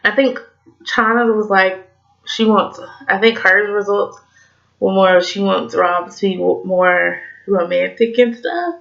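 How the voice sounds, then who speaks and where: Here the same kind of tipsy Southern vlogger in her twenties chats about TV, slurring a little, cursing, and leaning heavily on "like" as she rambles. Her mid-range voice is gravelly and fairly bright, and she takes her time. The sound is lo-fi.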